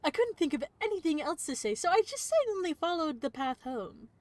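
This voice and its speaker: Brief: woman streamer, high voice, dry close mic, reads a story game aloud with chatty asides. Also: very animated, a little fast, a little mellow, no room sound. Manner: reads narration aloud, breaks off for playful asides. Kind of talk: reading a visual novel aloud on stream.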